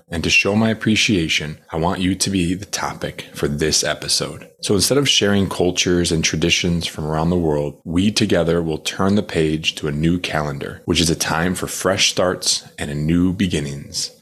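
Low husky male podcast host. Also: fairly bright tone. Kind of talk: scripted podcast intro.

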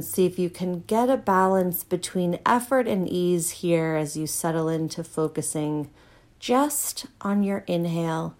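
Female meditation guide, lowish voice, very slow calm delivery. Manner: slow, soothing, unhurried guidance. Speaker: mindfulness teacher.

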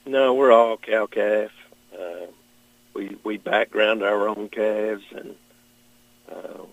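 A middle-aged man with a Kentucky Southern accent, answering interview questions as a farmer in a plain-spoken, halting, measured way. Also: on the low side, vocal fry, rough recording. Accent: Southern American, Kentucky.

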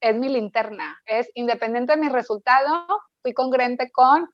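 A woman's voice: fairly high pitch, normal speed, no echo, muffled recording. A woman with a Mexican Spanish accent, reflecting and telling a family story in casual conversation.

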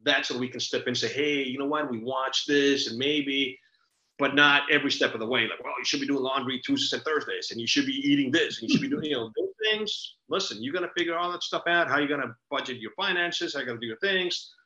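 Bright-voiced man from El Salvador, roomy sound. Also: mid-range voice, expressive, quick pace. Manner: earnest, expansive storytelling. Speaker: podcast host. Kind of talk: casual conversation. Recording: roomy, dull lo-fi recording.

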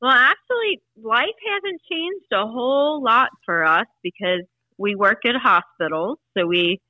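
A woman in her fifties, chatty and quick to laugh, answering questions in a casual family interview at home. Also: fairly high pitch, lively intonation, pushed and bright, no echo, dull audio. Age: 50s. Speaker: interviewee, aunt.

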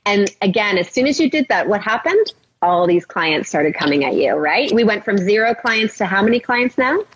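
Speaking with big pitch swings at a moderate pace, this woman's mid-range voice sounds a bit bright, with a little hiss or hum in the muffled lo-fi audio. She's a life coach guesting on a casual podcast, motivating and encouraging in long, flowing stretches.

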